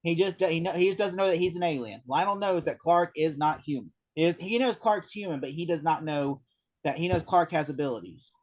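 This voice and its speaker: Animated man mimicking characters. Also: on the high side, fairly quick. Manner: animated, acts out characters in quotes. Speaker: podcast co-host. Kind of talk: casual chat.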